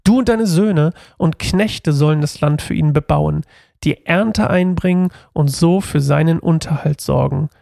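A gracious ancient king speaks with a kindly, promising tone, as a man reads him aloud. The voice sits a bit high with a gravelly edge. It is dry and close, with no room sound. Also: a little slow, mellow, no echo. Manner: read aloud with slight lift.

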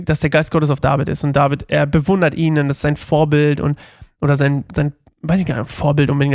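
A man reads Scripture aloud and breaks off to chat casually with his listeners, full of fillers and restarts. His voice sits a bit high and has a gravelly rasp. The sound is dry, with no room echo. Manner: loose and chatty, with fillers and restarts; addresses listeners directly. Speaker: Bible reading host. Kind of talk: casual Bible reading with commentary.

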